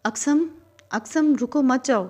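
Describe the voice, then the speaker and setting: A woman voicing a frightened young woman locked in a wardrobe, pleading and shouting for someone to open the door. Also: mid-range voice, natural voice. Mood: panicked. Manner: pleading then shouting in panic.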